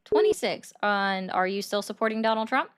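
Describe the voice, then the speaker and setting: A woman with a mid-range, sing-song voice and a clean tone hosts a political call-in livestream. Blunt and combative, she argues with callers and mocks them without hesitation.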